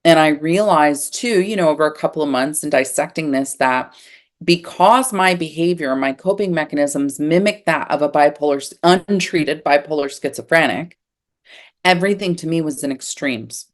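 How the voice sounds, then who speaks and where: A woman speaking as a cold-exposure coach on a podcast, her voice sitting a little low. She tells personal stories earnestly and animatedly, acting out her feelings as she goes. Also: normal speed. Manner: earnest, animated, acts out emotions. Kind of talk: personal storytelling in conversation.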